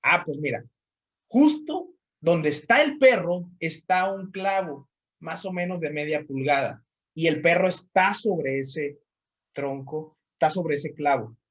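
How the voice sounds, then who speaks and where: A man voicing a wise old man at a cabin who speaks bluntly and with slow, weighty wisdom. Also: on the high side, lively intonation, dull audio. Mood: explaining.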